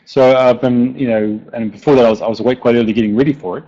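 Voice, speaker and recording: A software developer with a broad New Zealand accent gives an informal technical presentation, talking fast in a steady, dark, mid-range voice. He often hesitates and repeats words, and the online audio is dull and lo-fi.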